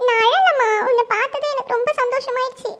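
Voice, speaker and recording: Very high, tearful young wife, as a performer puts her on, pleading in a family drama. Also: fairly even intonation, quick pace, fairly bright tone. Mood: joyful. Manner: pleading, emotional. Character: tearful young married daughter. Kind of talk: home-made Tamil family drama.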